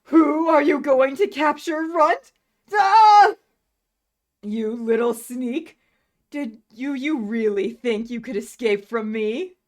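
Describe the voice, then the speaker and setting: A woman's voice: on the high side, takes it slowly. A woman voicing a vain, menacing female pirate captain in a cartoon, haughty and threatening.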